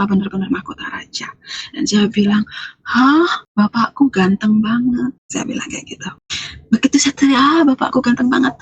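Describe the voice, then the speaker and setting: A woman's voice: mid-range voice, slight background noise. A woman from Lampung, Indonesia, giving a conversational faith testimony as an interview guest. She rambles with fillers and restarts, and acts out both sides of the conversations she recalls. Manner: retells events by acting out both sides of the dialogue. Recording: dull, muffled lo-fi recording.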